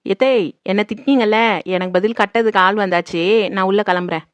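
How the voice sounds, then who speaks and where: A woman voicing a sassy young daughter-in-law who talks back fast and never stops for long. Her voice sits at an everyday middle pitch, recorded close and dry. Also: clean tone, dry recording, close to an everyday voice. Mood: dismissive. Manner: quick, sassy back-talk. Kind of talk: comedy skit acting.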